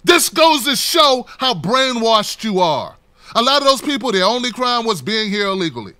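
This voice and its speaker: A man giving an unscripted political commentary, talking straight to the camera, impassioned and preachy, building to near-shouts. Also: very high-pitched, sing-song, normal speed, no room sound.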